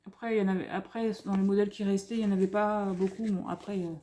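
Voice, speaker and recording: A French woman rambles happily through a haul in front of a camera on a tripod, gushing over every cute item. Her voice is mellow and soft-edged, full of fillers and restarts. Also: mid-range voice, steady tone, quick pace. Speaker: craft vlogger showing a haul. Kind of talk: casual haul commentary.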